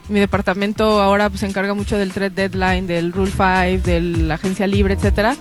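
A woman from Mexico City with a Mexican accent, answering interview questions in a relaxed way with many fillers. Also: medium pitch, brisk, soft background music. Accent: Mexican Spanish. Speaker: guest, baseball scout.

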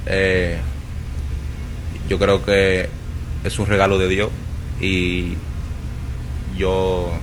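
A man's voice: deep voice, monotone, very slow, long pauses, a little hiss or hum. A young man, answering interview questions casually with many fillers and restarts. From Brooklyn, New York, raised partly in the Dominican Republic. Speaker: baseball player being interviewed. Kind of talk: post-game interview.

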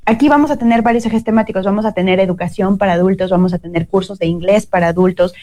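A woman's voice: mid-range voice, fast, warm tone. A Mexican woman with a Mexican Spanish accent, a consul explaining services as an interview guest.

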